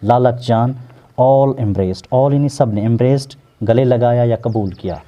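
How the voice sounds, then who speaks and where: A man with a Pakistani accent, working as an English teacher and explaining a textbook lesson slowly, word by word, repeating terms to drill pronunciation. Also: medium pitch, warm tone. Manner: slow word-by-word translating, repeats words for pronunciation.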